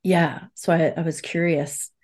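A woman's voice: sits low, steady tone, darkish tone. A woman hosting a casual podcast conversation, searching for words with lots of "like" and asking open, curious questions. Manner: searching, halting, full of "like". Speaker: podcast host.

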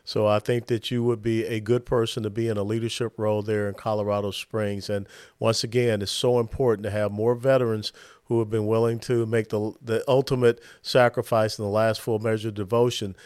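A man's voice: lowish voice, level tone, a little fast, a little mellow, clear, resonant tone, dry recording, studio quality. A man with a Southern accent hosting a podcast interview, speaking earnestly and formally. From United States. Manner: earnest, praising, formal sign-offs. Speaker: podcast host.

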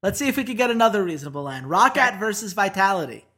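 A man's voice: high voice, very animated, quick pace, sharp tone, slightly rough. A man co-hosting a podcast in casual chat, upbeat and steering the segment from one betting line to the next. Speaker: podcast co-host.

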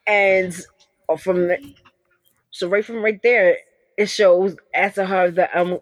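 A woman activist from the United States, talking in an emphatic, animated way in a casual interview and acting out the exchanges she describes. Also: mid-range voice, slow pace, no room sound. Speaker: activist guest.

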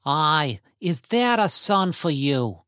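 For a story reading, a man performs a full character voice as a sharp-tongued, indignant old immigrant wife, nagging in a Yiddish-inflected American accent and firing off querulous questions. He pitches it on the high side, above his own voice, with big pitch swings and a slow pace. The studio-quality recording has no room sound.

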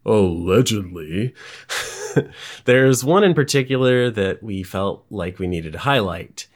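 A man co-hosting a political podcast, talking in an animated, incredulous way. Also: medium pitch, normal speed. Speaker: podcast co-host.

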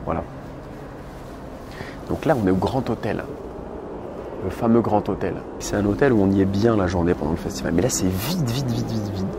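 A man in his thirties, fairly low-voiced, talks at a normal pace with long pauses while vlogging on a handheld camera outside. His casual monologue is candid, blunt and packed with fillers. Recorded on a bustling city street, the clip has clear traffic and street sounds running under everything he says.

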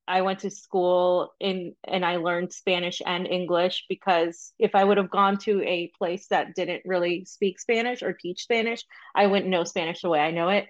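A young woman from Peru, raised in Florida, guests on a podcast with a lowish, fairly even voice. The audio sounds dull, and she chats and rambles casually in interview talk, full of ums and quick asides.

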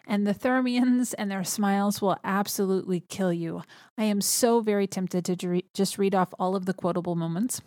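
A woman's voice: medium pitch, darkish tone, no room sound. Enthusiastic woman podcast host, dry sound. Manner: enthusiastic, chatty. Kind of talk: casual chat.

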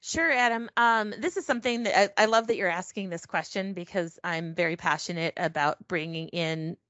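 A woman with a fairly low voice talks through a casual interview, rambling along with frequent ums and self-corrections. The call audio is dull and lo-fi with no room sound at all. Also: moderate pace, a bit bright, dry recording. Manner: chatty, frequent ums and restarts. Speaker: podcast guest, packaging professional.

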